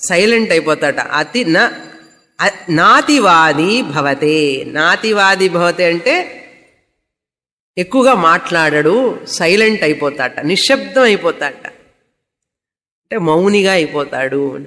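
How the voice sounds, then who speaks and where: A woman's voice: on the low side, expressive, takes it slowly, long pauses, fairly bright tone, in a large hall. A woman spiritual teacher giving a scripture lecture, explaining Sanskrit verses word by word and asking rhetorical questions that she answers herself.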